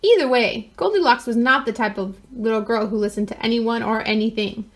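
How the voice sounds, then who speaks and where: A woman with a fairly high voice reads a picture book aloud to children. Her delivery is expressive, and she adds wry asides in a mock-innocent way. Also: brisk. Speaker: storyteller.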